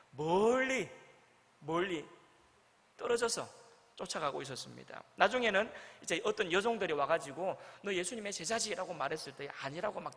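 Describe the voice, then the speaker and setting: Guy preaching in a church, high voice that swoops all over, acts out the quotes, long echo in the hall. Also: a bit bright. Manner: storytelling, acts out quoted lines with big swings in pitch and volume. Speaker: pastor. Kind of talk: sermon. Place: church sanctuary.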